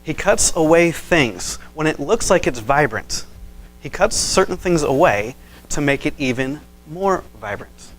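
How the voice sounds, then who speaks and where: A man's voice: a little high, animated, a little slow, fairly bright tone, faint music behind. A man preaching a conversational sermon. He tells stories with animation and acts out the people he quotes, with frequent fillers and restarts. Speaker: pastor.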